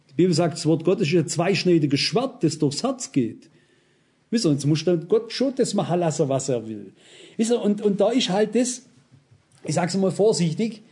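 A man with a high, mellow voice preaches a blunt, emphatic sermon to a congregation. He often poses rhetorical questions to his listeners and quotes scripture references.

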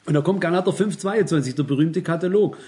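A man with a fairly high voice delivers a sermon with emphasis. He speaks directly to his listeners and keeps asking whether they understand. He sounds middle-aged. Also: fast talker, dark tone. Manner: emphatic, addresses congregation directly with rhetorical questions. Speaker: preacher.

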